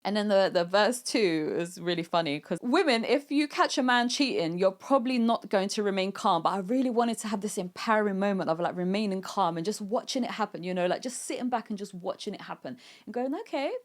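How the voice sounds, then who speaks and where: A woman's voice: mid-range voice, fairly quick, few pauses. A woman in her thirties, a singer-songwriter talking casually and reflectively about writing a song, often acting out quoted lines. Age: 30s.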